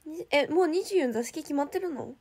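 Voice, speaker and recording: Young woman idol, higher voice, casual and bubbly livestream chatter with frequent soft whispered asides. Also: animated, fairly quick. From Japan. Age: young adult. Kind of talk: casual livestream chat, reading viewer comments.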